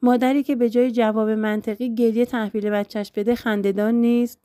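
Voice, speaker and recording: Female narrator voicing loving husband; teasing, firm, warm-spirited, dry close recording. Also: on the high side, little pitch movement, no echo, voice pushed up, lightly acted. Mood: gentle, teasing. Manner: gentle but firm, playful. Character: affectionate teasing young husband.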